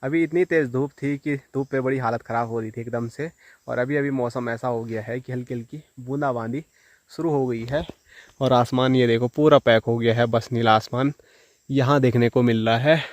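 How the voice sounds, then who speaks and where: This man, a village vlogger from the Himalayan hills of northern India, talks directly to his audience while walking in a forest for a casual vlog. His medium-pitched voice has fairly even intonation and a normal speed. The recording is dry, with insects and rural outdoor sounds around him.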